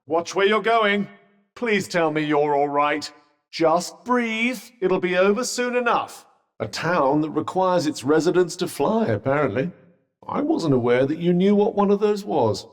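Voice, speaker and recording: A man's voice: sits high, animated, measured pace. A British man voicing a sentient magic cuff in a video game, a droll, haughty, fussy companion with a pompous, sardonic, wordy way of talking. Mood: alarmed, urgent, then dry sarcasm. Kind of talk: scripted game character banter. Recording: long reverberant echo on the voice.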